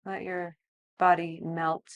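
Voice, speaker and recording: A woman with a lowish voice guides a yoga relaxation in the manner of a sleep story narrator. She speaks very slowly and softly, leaving long pauses between short phrases. Her intonation stays level and soothing throughout. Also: completely flat delivery, highs cut off. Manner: soothing, slow, hushed delivery with long pauses. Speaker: yoga teacher.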